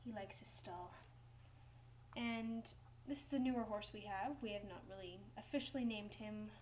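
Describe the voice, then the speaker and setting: A woman's voice: mid-range voice, moderate pace, darkish tone, a little hiss or hum, lightly acted, rough recording. A teenage girl voicing a young woman who gives a stable tour in a doll video, talking in a chatty, hesitant way with small self-corrections. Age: late teens. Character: young woman barn worker giving a tour. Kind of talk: doll video role-play narration. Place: home room, doll barn set.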